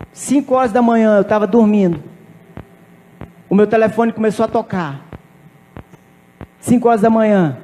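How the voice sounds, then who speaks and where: A pastor preaching a sermon, telling a personal testimony with emphatic repetition. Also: male voice, high-pitched, warm tone, big-room sound. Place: church.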